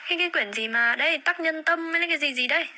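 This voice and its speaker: Young woman, phone livestream host, chatty, slightly high voice, audible background noise. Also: fast talker, sharp tone, low-quality recording. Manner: chatty, repeats words while searching for them. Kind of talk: casual livestream chat.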